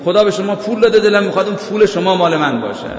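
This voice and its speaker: A man's voice: high voice, animated. Preaching man in an echoey hall. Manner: recites Arabic verses slowly, asks listeners if they follow. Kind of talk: sermon. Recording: echoey hall, dull lo-fi sound.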